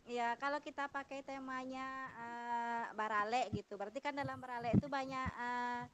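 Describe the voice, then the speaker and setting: A woman's voice: on the high side, steady tone, moderate pace, a bit bright. A woman teacher talking in an online meeting, hesitant with many fillers, her voice breaking up over a bad internet connection. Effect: choppy, cutting-out internet call audio. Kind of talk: casual discussion. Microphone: remote video call. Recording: dull lo-fi call audio.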